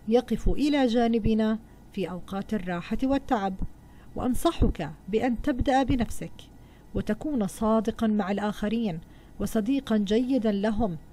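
A woman teacher voicing a calm wise old man who gives measured advice, in a read-aloud storybook lesson. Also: medium pitch, a little hiss or hum, close to an everyday voice.

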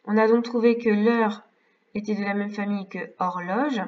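Woman, French accent, school teacher, slow patient explaining, mic set back, dull sound. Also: mid-range voice, fairly even intonation, darkish tone. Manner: slow, careful, explains step by step. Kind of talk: correcting exercises for young pupils. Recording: distant, slightly dull mic.

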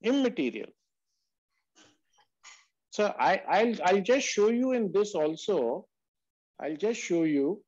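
Through dull, lo-fi video call audio, a man with a high-pitched, darkish voice delivers an explanatory online lecture on valuation at a measured pace. He stresses his points emphatically, calls listeners "sir," and takes questions from the online group.

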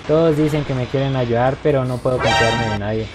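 A man's voice: mid-range voice, a little fast, music in the background. Jokey man narrating a horror game. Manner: jokey, talks back to game characters. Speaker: gameplay commentator. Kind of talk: let's play commentary.

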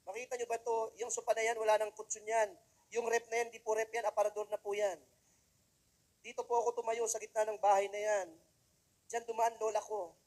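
A man's voice: high-pitched, level tone, fairly quick, darkish tone, rough recording. A young man giving a joking, self-deprecating testimonial speech to an audience. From Philippines. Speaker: motivational speaker.

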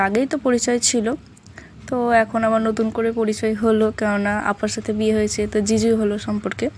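Chatty fast-talking young woman. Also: on the high side, dark tone, a little hiss or hum. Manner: chatty, rambling, quick. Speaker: vlogger. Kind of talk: casual vlog narration. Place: outdoors then indoors at a home.

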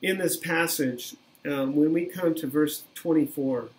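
A man in his fifties preaching a sermon by webcam from a small room, in an earnest, measured way that repeats key phrases. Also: on the high side, poor audio. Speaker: pastor. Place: small plain room indoors. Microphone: webcam at desk, video recording.

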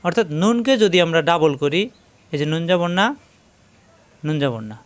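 A man's voice: a little high, expressive, moderate pace. A man teaching a Quran recitation lesson, explaining each rule step by step and repeating key points patiently while he demonstrates the sounds.

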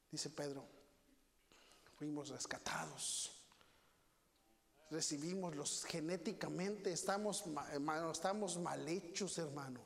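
A man with a Mexican Spanish accent preaching a sermon in a church, animated and folksy, often turning to the congregation with asides. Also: high voice. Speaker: guest preacher. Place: church sanctuary. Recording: long church reverb.

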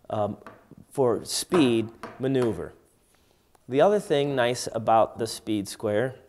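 Man slowly explaining tools in his shop. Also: medium pitch, slight background noise. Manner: plain, steady explaining with hands-on demos. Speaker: woodworking instructor. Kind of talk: tool demonstration tutorial. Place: home woodworking shop, indoors.

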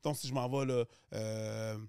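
A man's voice: medium pitch, steady tone, a little slow, gravelly, a little mellow, clean tone, no echo, clean studio sound. A man with a Quebec French accent, a comedian guest talking casually and animatedly, slipping into other voices and accents as he explains. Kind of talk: casual podcast chat.

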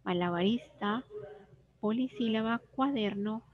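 Slow, careful woman teacher. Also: a little high, muffled recording. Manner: clear, careful syllable-by-syllable pronunciation. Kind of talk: slow scripted reading lesson for children.

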